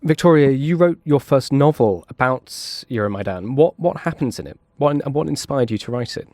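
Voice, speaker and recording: A man's voice: medium pitch, expressive, moderate pace, a little mellow, no echo, studio quality. A man interviewing a guest on a podcast, asking short, direct questions.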